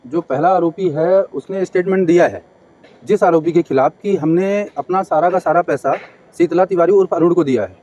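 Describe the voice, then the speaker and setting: A man's voice: high voice, normal speed, mellow. A man giving an urgent statement to a news reporter, hesitating with fillers. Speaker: complainant interviewed.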